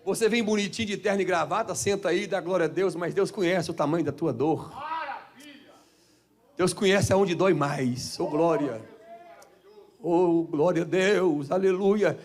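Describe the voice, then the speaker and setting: A Brazilian pastor with a Minas Gerais accent preaches in a church, his voice sitting high for a man. He bursts into shouted praise, then drops to low, hushed asides in a fervent Pentecostal style. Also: moderate pace. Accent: Brazilian Portuguese, Minas Gerais. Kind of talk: Pentecostal sermon.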